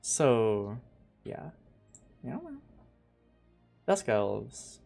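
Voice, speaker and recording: A man narrating as game master of a tabletop game on a live stream, relaxed and thinking aloud. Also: fairly low pitch, very slow, vocal fry, faint music behind.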